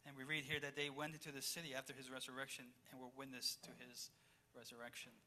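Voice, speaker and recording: Pastor, male, from Chile, sermon delivery that shifts between loud and hushed, bright tone. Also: mid-range voice, flat delivery, quick pace. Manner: reads scripture aloud then explains it, swings between loud and hushed.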